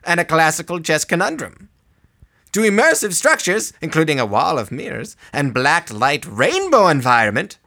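A man's voice: a little high, pushed and bright, heavily acted. A man voicing a showy old-timey male announcer, reading a listing aloud in a sing-song way.

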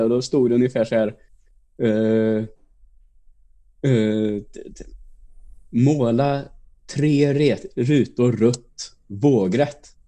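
Mellow-voiced man telling a story hesitantly. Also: medium pitch. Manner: hesitant, many fillers, dry storyteller. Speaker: podcast co-host. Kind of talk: casual storytelling.

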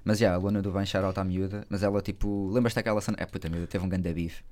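A man with a European Portuguese accent, a comedian guest telling stories in rapid, slang-heavy podcast banter. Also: low-pitched, little pitch movement, darkish tone. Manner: rapid, slangy, storytelling with laughs.

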